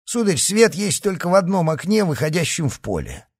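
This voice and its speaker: A male narrator putting on a cautious manservant, hushed and wary. He speaks softly with plenty of rise and fall, in a dry, close recording. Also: a little high, big pitch swings, brisk, breathy edge, no room sound, voice pushed up. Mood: reporting. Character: cautious loyal male servant. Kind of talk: audiobook character reading.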